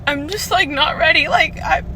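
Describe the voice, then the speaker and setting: A woman's voice: high voice, normal speed, sharp tone, a little hiss or hum, poor audio. A young woman in her twenties ranting in an exasperated, emotional way about her work week. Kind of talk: casual venting vlog.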